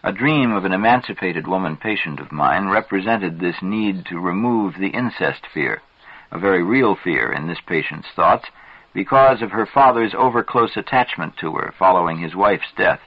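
A man with a low, husky voice reads aloud from a psychology book, taking each sentence in a measured, deliberate way. The recording is dull and lo-fi, with a dry sound and no room echo. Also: lively intonation. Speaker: reader. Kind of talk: scripted narration of a psychology book.

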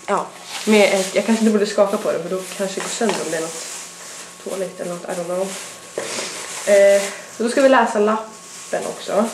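A woman's voice: medium pitch, noisy background. A young adult woman with a stuffy nose, rambling in a casual vlog chat with lots of fillers. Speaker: vlogger.

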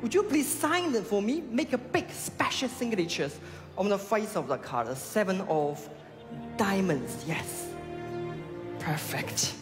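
A man in his thirties, a native Chinese speaker, gives halting showman patter in English as a stage magician. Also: high-pitched, big pitch swings. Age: 30s. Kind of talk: talent show magic performance patter. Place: large theatre stage with audience. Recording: reverberant theatre with crowd and music.

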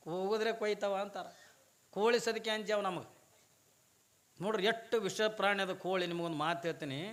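Male preacher, North Karnataka accent, very high voice, rhetorical questions. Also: pushed and bright. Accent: North Karnataka Kannada. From Bijapur district, Karnataka. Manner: asks the audience questions and answers them himself. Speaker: religious preacher. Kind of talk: sermon.

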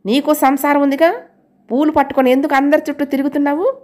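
A woman's voice: sits high, flat delivery, quick pace, a little mellow, voice pushed up, natural voice. A woman voicing a spiteful, boastful male office colleague in an audio novel. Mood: sneering. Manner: sneering, irritable.

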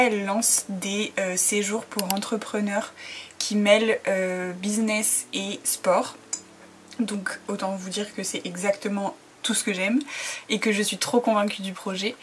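A woman's voice: mid-range voice, a little hiss or hum. Chatty tired young woman vlogging. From France. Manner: chatty, rambling, many fillers. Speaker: freelance graphic designer. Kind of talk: casual vlog chat to camera.

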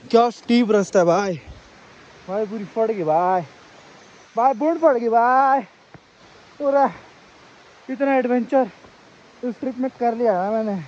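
On a handheld phone, a young man in his twenties records a road trip vlog, joking crudely with friends and addressing viewers. They drive mountain roads, then walk a forest trail where he gets out of breath on a steep climb. He has a very high, slightly mellow voice and speaks unhurriedly with long pauses, and the sound is lo-fi.

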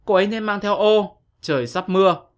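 A man's voice: sits high, normal speed. A man teaching an English lesson to young pupils, explaining patiently step by step in a scripted online-lesson narration.

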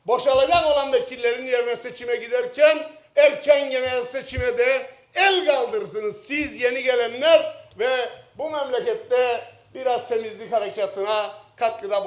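A middle-aged man with a Turkish Cypriot accent giving a heated parliamentary speech at a lectern microphone, swinging from low jabs to shouted outbursts. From Northern Cyprus. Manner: speaking at a lectern microphone in the chamber. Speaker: member of parliament. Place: parliament chamber. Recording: roomy chamber echo.

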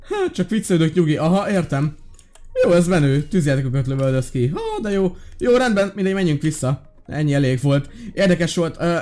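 A man hosting a gaming video, giving casual, excitable and curious let's-play commentary with many fillers. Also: fairly high pitch.

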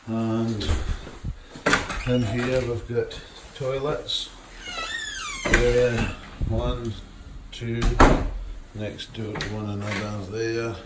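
A man giving an informal, halting walk-through tour of a wooden lodge, speaking into a handheld phone as he walks. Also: medium pitch, steady tone. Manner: unhurried, informal, halting with fillers. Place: wooden lodge rooms and hallways, indoors. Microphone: phone camera held while walking. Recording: echoey rooms with clear handling noise.

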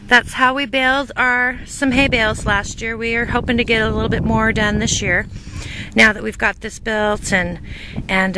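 A woman giving a casual, instructional DIY walkthrough as she records outdoors in a yard. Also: on the high side. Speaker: DIY homesteading video host. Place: outdoors in a yard beside a house, in wind. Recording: wind and ambient noise outdoors.

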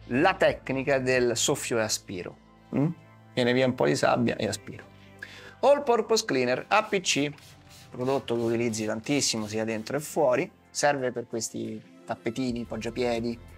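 Colloquial man explaining over background music. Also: medium pitch. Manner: colloquial, addresses viewer directly with rhetorical questions. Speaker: car detailing presenter. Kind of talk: casual instructional commentary. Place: small padded studio, seated at a desk.

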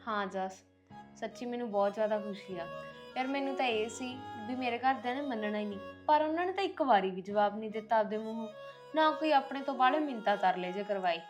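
A woman's voice: on the high side, animated, quick pace, natural voice. An actress with a Punjabi accent playing a caring young newlywed wife who reassures her husband. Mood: reassuring. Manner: soothing and reassuring. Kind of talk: village family drama acting. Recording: background music.

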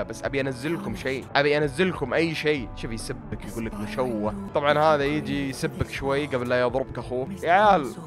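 Rapid-fire Gulf Arabic gamer, tired voice. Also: male voice, a little high. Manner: grumbling, self-mocking, talks straight to viewers. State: tired, strained voice. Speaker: gaming YouTuber. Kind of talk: casual gameplay commentary.

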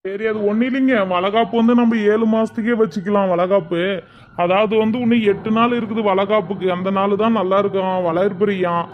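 Brief: a performer as a measured, earnest parent in a family skit, lo-fi recording. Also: medium pitch, fairly even intonation, close to an everyday voice. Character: parent of the pregnant young woman. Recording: dull recording, faint noise.

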